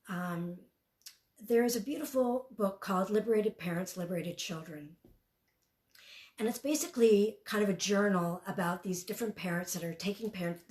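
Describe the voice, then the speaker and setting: A woman's voice: mid-range voice, a little mellow. Earnest woman talking in a roomy space. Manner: conversational, earnest, many "you know" fillers. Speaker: parenting expert. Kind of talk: storytelling talk. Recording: roomy echo.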